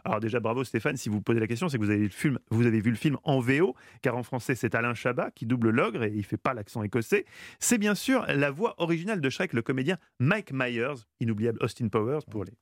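Lively, teasing man doing a radio bit. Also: medium pitch, fast talker, no room sound, studio quality. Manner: playful, teasing, ironic asides to the host. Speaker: radio columnist. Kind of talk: comic radio chronicle. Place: radio studio.

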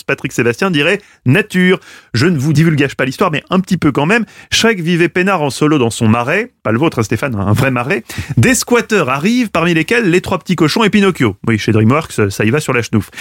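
A man's voice: fairly high pitch, no room sound. A man giving a comic radio chronicle in a playful, teasing, slangy way at a studio microphone, with faint music behind. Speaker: radio columnist.

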